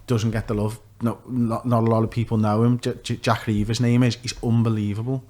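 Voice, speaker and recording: A man's voice: mid-range voice, flat delivery, fairly quick, darkish tone. A man, talking casually and offering opinions as an interview guest. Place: small office studio, indoors. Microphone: desk microphone.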